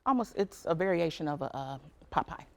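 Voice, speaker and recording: Creaky, low-pitched woman explaining a dish. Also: expressive, brisk, a little mellow. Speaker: restaurant manager as guest. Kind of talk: casual cooking segment interview.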